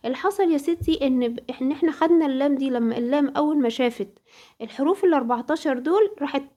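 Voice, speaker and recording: A woman with an Egyptian Arabic accent leads a Quran recitation lesson in a high, light voice. She speaks straight to a female student and keeps posing questions, then supplies the answers herself. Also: rapid-fire, mellow. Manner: addresses a female student directly. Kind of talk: tajweed lesson.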